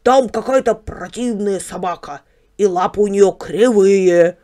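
A simple-minded male yard dog from a storybook, as a woman reader puts him on. He asks one wondering question after another in a mellow, dark-toned voice, pushed apart from the reader's own sound. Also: mid-range voice, unhurried, lightly acted. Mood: puzzled. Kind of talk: storybook character voice.

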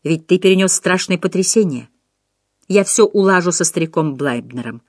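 A decisive, friendly man, as a woman reader puts him on, talking in a firm, reassuring way. The voice stays low with lively turns of pitch. The recording is dry. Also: moderate pace, no echo.

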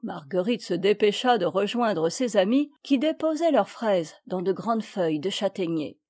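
A woman reading a children's classic aloud as an audiobook, in measured scripted narration. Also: mid-range voice, expressive, warm tone. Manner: measured, listing items evenly. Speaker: audiobook reader.

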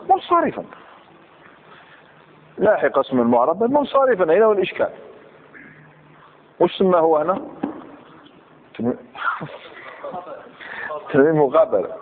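A man lectures a grammar class, questioning his students and repeating each example. His voice sits a little high and swings lively up and down. The recording is thin and phone-like, with birds cooing in the background. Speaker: teacher of Arabic grammar.

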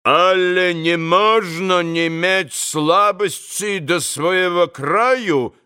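A man voicing a proud, touchy nobleman, speaking in a booming, solemn voice. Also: drawn-out words, bright, forceful tone, clear, resonant tone, full character voice. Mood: indignant.

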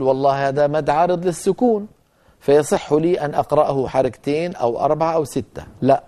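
A man teaching a tajweed lesson, explaining rules step by step and slowly chanting recited examples. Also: fairly high pitch, dark tone.

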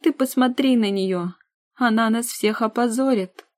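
A woman's voice: medium pitch, fairly even intonation, normal speed, warm tone, dry recording, clean studio sound, natural voice. A woman voicing a spoiled, capricious young woman who shrieks and sneers at her sister in an audiobook. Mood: indignant shrieking.

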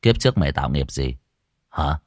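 Guy doing a brash cursing exorcist in a storybook, low and quick, blunt. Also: animated, dry recording, studio quality. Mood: brusque. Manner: blunt, brusque.

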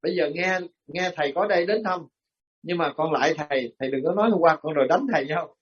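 A fawning male temple abbot pleads with deference, as a man puts him on in a Southern Vietnamese accent. The voice is high and slightly husky, and the recording is muffled. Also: fast. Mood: pleading.

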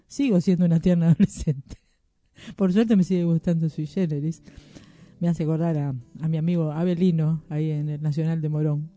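A man with an Argentine accent hosts a radio show in a casual, joking way, and his voice sits high for a man yet sounds very dark and mellow. Soft music plays faintly behind him. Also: fairly even intonation, brisk. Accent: Argentine Spanish. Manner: chatty, jokey, nostalgic asides to listeners. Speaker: radio host.

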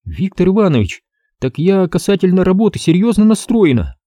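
A man's voice: high voice, very animated, brisk, dark tone, no room sound, clean studio sound, voice pushed up. A man voicing a pleading, stubborn teenage girl in an audiobook, whining to get her way. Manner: pleading, whiny.

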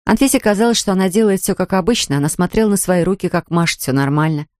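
A woman narrating an audiobook in an even storytelling manner. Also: lowish voice, fast talker, no room sound, studio quality. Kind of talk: scripted narration.

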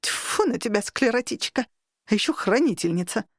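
A woman's voice: on the high side, sing-song, moderate pace, no echo, studio quality. Woman reading as a sarcastic clawed she-monster. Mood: scornful. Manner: mocking, tart. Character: sarcastic clawed female monster, sharp-tongued. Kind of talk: audiobook character reading.

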